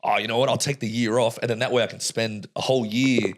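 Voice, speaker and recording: A young Australian man chatting casually as a podcast guest, slangy and animated, telling stories with lively bursts. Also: fast talker. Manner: slangy, animated storytelling with bursts of high voices. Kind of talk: casual chat.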